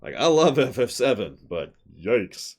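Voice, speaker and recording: A man's voice: medium pitch, very animated, unhurried, darkish tone, slightly rough. A man giving casual, opinionated game commentary with a wry manner as he streams.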